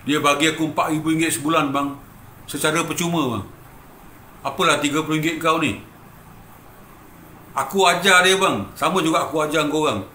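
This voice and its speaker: Emphatic Malaysian man, bright and tense. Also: on the high side, fairly quick, long pauses, a little hiss or hum. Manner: emphatic, repetitive, keeps addressing the listener as "bang". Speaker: guitarist telling his story. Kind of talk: emotional personal storytelling. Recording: roomy echo with faint ambience.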